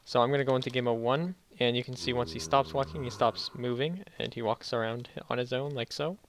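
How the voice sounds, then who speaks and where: A man's voice: mid-range voice, fairly even intonation, a little hiss or hum. Young man, sore-mouthed casual tutorial talk. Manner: halting, self-correcting explanations. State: sore mouth after wisdom teeth removal, slightly muffled careful speech. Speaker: tutorial video host. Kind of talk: casual off-the-cuff game tutorial commentary.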